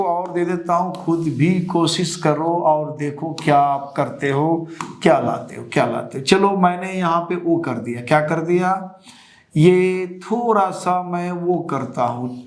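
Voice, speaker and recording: A man teaching chemistry to students in a lecture, asking rhetorical questions, repeating the answers and calling his students children. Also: high voice. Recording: echoey room.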